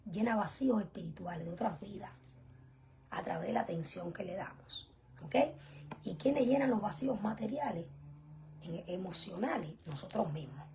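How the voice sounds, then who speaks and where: A young woman teaching an online religious class, earnest and emphatic, often dropping to soft whispered asides. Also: mid-range voice, lively intonation, moderate pace, noisy background. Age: young adult. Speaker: spiritual teacher.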